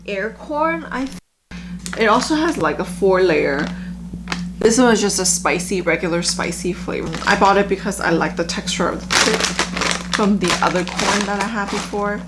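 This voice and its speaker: A woman giving a casual, halting taste-test review, with lots of filler words like "like". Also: mid-range voice, very noisy. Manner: halting, filler-heavy, frequent "like". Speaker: food review vlogger.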